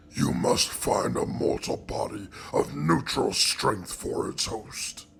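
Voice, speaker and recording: A solemn ancient oracle from a homemade fantasy audio drama, voiced by a man. The voice is heavily gravelly and crawls along at a very slow, grave pace. Its pitch swings widely, as if intoning a legend. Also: fairly bright tone, slight background noise, heavily acted. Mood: lofty. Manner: slow, grave storytelling cadence.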